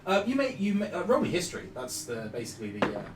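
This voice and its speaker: A man's voice: on the high side, wildly swooping pitch, fast talker. A man improvising as game master in a tabletop game, phrasing things hesitantly and piece by piece. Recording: echoey room, distant mic, clear noise.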